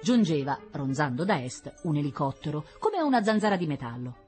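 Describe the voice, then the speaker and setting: A woman reading a children's storybook aloud in an expressive, lively storytelling manner. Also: low voice, brisk, soft background music. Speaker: narrator.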